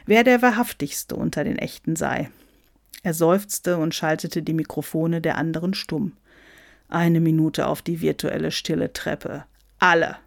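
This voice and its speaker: A woman narrating a humorous story in a wry, lively reading. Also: fairly low pitch, no echo, studio quality.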